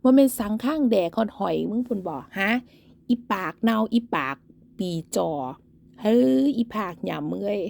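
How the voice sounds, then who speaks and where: A woman's voice: medium pitch, expressive, moderate pace, creaky, darkish tone. A woman with an Isan accent ranting in a livestream, mocking and cursing heavily. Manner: breaks into cackling laughs. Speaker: online commentator.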